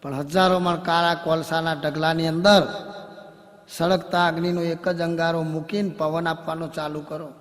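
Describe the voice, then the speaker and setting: A man with a high voice tells humorous devotional stories, keeping the tone light and chuckling as he goes. His voice carries a long hall reverb. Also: moderate pace. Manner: lively joke-telling, chuckling through the stories. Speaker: devotional storyteller. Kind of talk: humorous religious storytelling.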